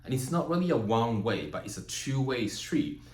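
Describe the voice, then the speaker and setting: In a room with noticeable echo, a man from Japan whose first language is Japanese delivers a calm, reflective spiritual teaching. His medium-pitched voice has a sing-song quality, and he keeps checking in with listeners through "right?" and "you know".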